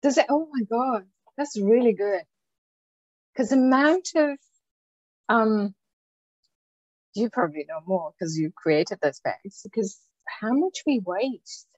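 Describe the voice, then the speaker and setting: Her voice leans high, with lively intonation, a slow pace, and long pauses, and it's a little mellow, with no echo. She's casually hosting an online business call, gushing and chatting as she jumps between ideas. The sound comes through a video call microphone as dull lo-fi audio.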